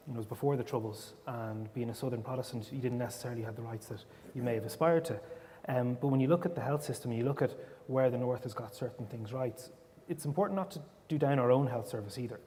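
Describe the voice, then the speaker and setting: A man with an Irish accent, speaking as a panelist in a discussion and arguing his points emphatically. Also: medium pitch. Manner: emphatic, forceful argument. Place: event hall. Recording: long hall reverb, faint noise.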